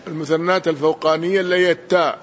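Man, sheikh teaching, slow deliberate explanations, dull lo-fi sound, faint hiss. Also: on the high side, little pitch movement. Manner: slow, deliberate, corrects the reader. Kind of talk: explaining a text to a student.

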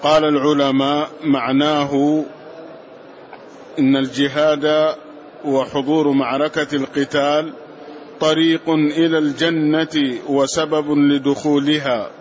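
A man's voice: a little high, flat delivery, slow pace, long pauses, a little hiss or hum. A man reading a commentary aloud in class, reciting the quoted passages for the teacher. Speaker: student reading the text aloud. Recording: dull lo-fi recording.

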